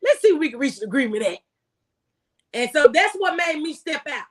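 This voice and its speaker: Speaking high, sing-song and brisk, an American ex-tax agent dishes out folksy tax advice with real passion. She's emphatic and repeats phrases to drive points home.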